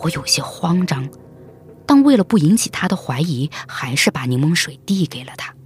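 A man narrating a first-person story in an expressive, suspenseful, dramatic manner. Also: fairly high pitch, moderate pace, husky, soft background music.

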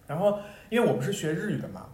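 A man's voice: sits high, very fast. Roomy-sounding young man telling stories. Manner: animated storyteller, laughs often. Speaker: podcast co-host. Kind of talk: casual chat. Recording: roomy echo.

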